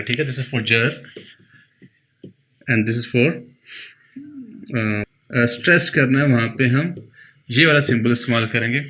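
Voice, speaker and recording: Bright-voiced man teaching sounds. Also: medium pitch. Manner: patient, repeats each sound slowly for the learner. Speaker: pronunciation teacher. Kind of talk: explaining a lesson.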